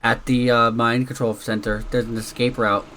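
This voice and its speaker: Playful male game streamer, mid-pitched. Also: flat delivery, normal speed, noisy background. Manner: playful, reactive, short asides. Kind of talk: casual live gameplay chat.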